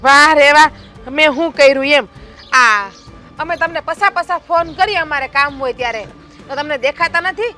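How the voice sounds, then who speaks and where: A high, bright-voiced village elder sister-in-law, played by a woman, scolds bluntly. She is quarrelsome and strict, with light music behind her in this family drama. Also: expressive, normal speed. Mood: scolding.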